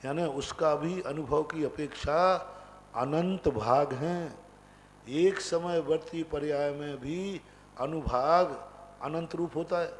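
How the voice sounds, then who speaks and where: High-voiced Indian monk lecturing. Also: male voice, fairly bright tone, big-room sound. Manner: explains step by step with rhetorical questions; chants sutra lines slowly. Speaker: Jain monk teacher. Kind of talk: scripture class lecture.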